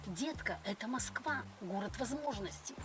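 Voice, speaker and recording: A woman's voice: fairly high pitch, animated, normal speed. A middle-aged woman chatting on a date in a grand, coquettish and condescending manner. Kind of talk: casual date chat. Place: inside a car. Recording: noisy car interior.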